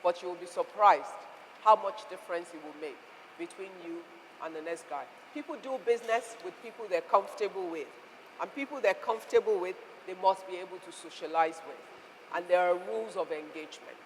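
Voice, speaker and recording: A woman's voice: fairly low pitch, fairly quick, a little hiss or hum. A woman host confidently introducing a guest speaker to an audience. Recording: long reverb of a hall.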